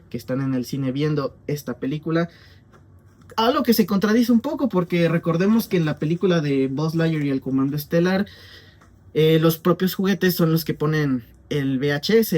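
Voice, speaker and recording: Chatty Mexican man, slightly high voice. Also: a little mellow. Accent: Mexican Spanish. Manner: chatty and rambling, with frequent fillers and asides. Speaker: film reviewer. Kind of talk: casual spoken film review.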